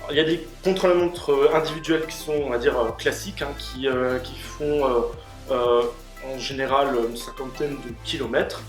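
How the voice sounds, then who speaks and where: A man talks through answers in a casual, mid-pitched voice, often pausing with fillers. The room sounds roomy, with faint music under him. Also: fairly even intonation. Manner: many fillers and restarts, explanatory. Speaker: host answering questions on cycling. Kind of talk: casual explanatory Q&A.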